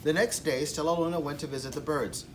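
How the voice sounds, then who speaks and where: A man's voice: on the high side, fairly even intonation, quick pace, recorded from a distance, background noise. A man reading a children's storybook aloud as narrator. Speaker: storybook reader.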